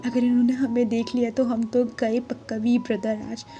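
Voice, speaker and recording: Woman doing a jittery young college guy, fretting and griping, mellow tone, faint music. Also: on the high side, level tone, normal speed, lightly acted. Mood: panicky. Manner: anxious, fretful. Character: panicky young male college student.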